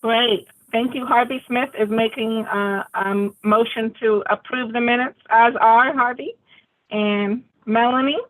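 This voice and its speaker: A woman's voice: a little high, fairly even intonation, a little slow, a bit bright, poor audio. A woman chairing an online meeting, friendly and welcoming as she runs through the agenda. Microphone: video call.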